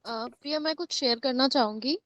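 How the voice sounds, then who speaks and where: A woman's voice: high voice, a little fast, fairly bright tone. A woman taking part in an online class, sharing her points at length and switching between Hindi and English. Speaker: participant.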